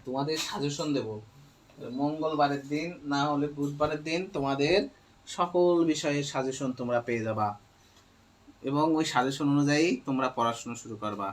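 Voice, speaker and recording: A middle-aged man teaching an online logic lesson, dictating symbols slowly and repeating each step. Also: a little high, poor audio. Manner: slow, repetitive step-by-step dictation.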